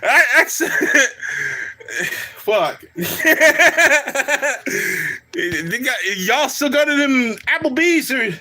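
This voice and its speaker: A man's voice: very high voice, very animated, very slow, sharp tone. A man giving casual, rambling reaction commentary on a live stream, swearing, laughing and talking to his chat.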